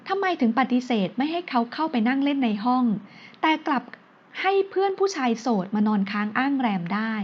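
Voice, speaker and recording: A woman reading a romance audio novel aloud with a steady storytelling delivery. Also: sits high, lo-fi sound. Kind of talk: scripted narration of a romance novel.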